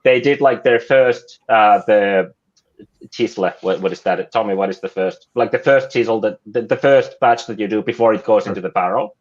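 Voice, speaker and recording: A man's voice: on the low side, normal speed, muffled recording. A man with a Finnish accent, a guest chatting casually over a video call from a sauna, often repeating words as he restarts.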